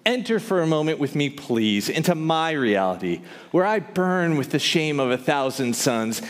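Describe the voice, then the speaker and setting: A man with a fairly high voice and big swings in pitch performs theatrical spoken word poetry at normal speed before a live audience in a large hall. His delivery is impassioned, emphatic and rhythmically rhymed, and the live stage recording carries the hall's reverb.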